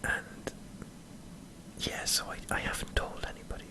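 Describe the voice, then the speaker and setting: An Irish man in a hesitant, self-deprecating ASMR ramble, speaking in a breathy whisper close to the microphone. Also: moderate pace. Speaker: ASMR video creator. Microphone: close microphone in front of a camera.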